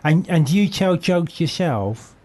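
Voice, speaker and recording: Lively chiming-in male co-host. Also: fairly high pitch, measured pace. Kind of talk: comedy radio chat.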